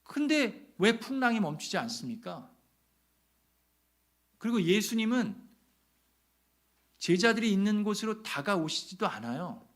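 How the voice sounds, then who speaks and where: A man preaching a revival sermon in a church, telling the story dramatically with rhetorical questions, going from loud to hushed. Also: high-pitched, very animated, measured pace, long pauses. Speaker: pastor. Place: church sanctuary.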